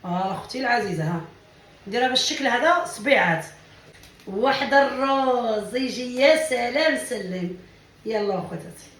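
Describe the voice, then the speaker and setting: On a cooking vlog, a woman demonstrates a recipe at home in a highish, fairly bright voice with lively intonation and a moderate pace. Chatty and affectionate, she calls viewers sisters; the room echoes and the mic is distant.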